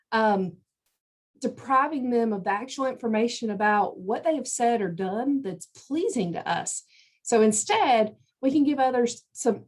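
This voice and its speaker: A woman's voice: medium pitch, darkish tone. A woman co-presenting a training webinar, explaining ideas in a friendly, plain way. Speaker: extension presenter.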